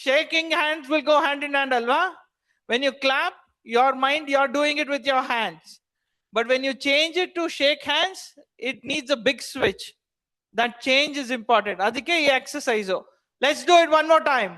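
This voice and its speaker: A woman with a Kannada accent leads an audience through an exercise. Her voice is high and she talks quickly, flipping between languages as she gives short instructions and checking questions. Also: fairly bright tone. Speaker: event host leading audience icebreaker. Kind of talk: interactive audience exercise, mixing English and Kannada.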